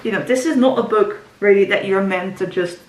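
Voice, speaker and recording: In a casual book vlog to camera, a Dutch-native woman speaks in a mid-range, slightly mellow voice, a little fast. Her talk rambles with frequent ums and restarts, and the recording carries a roomy echo, faint ambience, and slight background noise.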